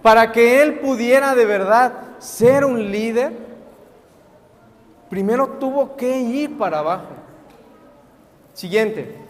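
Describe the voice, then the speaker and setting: A man's voice: very high-pitched, slow pace, long pauses. A young man preaching as a guest preacher in a church, asking the congregation questions and answering them himself. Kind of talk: sermon. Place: church sanctuary. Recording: echoey hall with long reverb.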